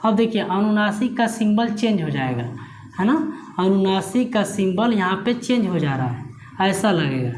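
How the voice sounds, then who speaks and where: A male Hindi grammar teacher explaining a lesson to students. He asks questions, answers them himself, and repeats key words slowly. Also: high voice, animated, darkish tone. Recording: echoey room with faint noise.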